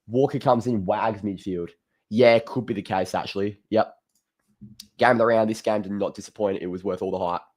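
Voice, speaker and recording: A man's voice: fairly low pitch, fairly even intonation, normal speed, a little mellow. An Australian man hosting a fan call-in show, chatting casually about footy in a laconic, blokey way.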